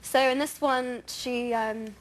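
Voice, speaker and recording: A woman's voice: a little high, steady tone, slow pace. A woman with an English accent, chatting and giggling as a guest in a talk show interview. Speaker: guest actress.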